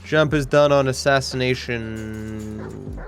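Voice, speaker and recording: A man with a cultivated Australian accent close to British, chatting casually and rambling with deadpan humor as he hosts a gaming stream. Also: medium pitch, slow, vocal fry. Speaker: livestream host, speedrunner. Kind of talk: casual chat while gaming. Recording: music behind the voice. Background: music.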